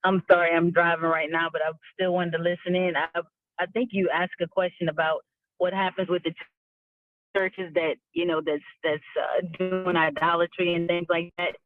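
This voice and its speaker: A man calling in on a phone from his car, talking in a casual, halting way with frequent restarts. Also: high voice, little pitch movement, no echo, soft background music. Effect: phone call from a car on speakerphone. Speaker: caller. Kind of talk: casual call-in chat. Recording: tinny phone line.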